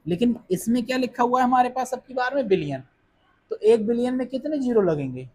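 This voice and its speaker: Husky-voiced male chemistry teacher. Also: very high-pitched, lively intonation, a little fast, dark tone. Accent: Hindi. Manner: asks questions and answers them himself, reassuring. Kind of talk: classroom lecture.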